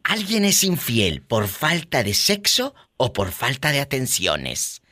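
A man's voice: medium pitch, huge pitch swings, takes it slowly, pushed and bright. A man hosting a live call-in radio show in a theatrical, teasing way, full of campy catchphrases.

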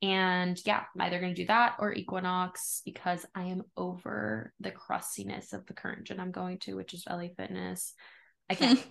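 A woman's voice: lowish voice, flat delivery, normal speed, gravelly, fairly bright tone. A woman co-hosting a podcast in casual chat, informal and sweary, with "like" scattered through her sentences. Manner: informal, profane, frequent "like". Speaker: podcast co-host.

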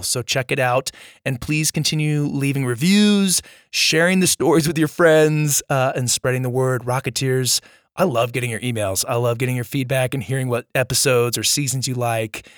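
Still recovering from almost losing his voice, the storyteller and host of a children's podcast, an adult father of young children, chats enthusiastically and casually with young listeners despite the strain. He speaks mid-range and steady at normal speed, with a dry, clean studio sound.

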